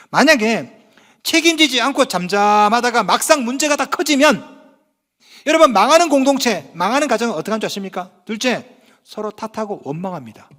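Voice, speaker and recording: A male pastor delivers an emphatic sermon in a strikingly high, animated voice. His speech is full of rhetorical questions. The sound carries a long church-hall reverb. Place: church sanctuary.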